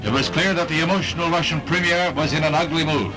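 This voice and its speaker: Give me an old newsreel announcer, a man speaking emphatically over loud music. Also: a little high, quick pace, low-quality recording. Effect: old newsreel narration voice. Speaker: newsreel narrator. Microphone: studio voice-over.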